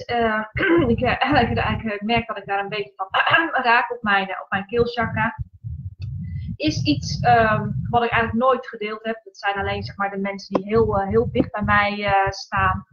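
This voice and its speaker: A woman hosting a casual live stream from home, talking in a halting way with many fillers and restarts. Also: fairly high pitch, fairly even intonation, a little hiss or hum. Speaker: livestream host, coach. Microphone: laptop. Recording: dull lo-fi laptop audio.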